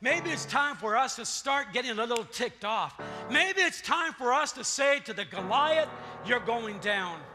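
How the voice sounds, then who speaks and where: Indignant young David, as a male preacher puts him on. Piercing and high, church reverb. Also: lively intonation, a little slow. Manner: incredulous, rising outrage. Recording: long church reverb, faint music.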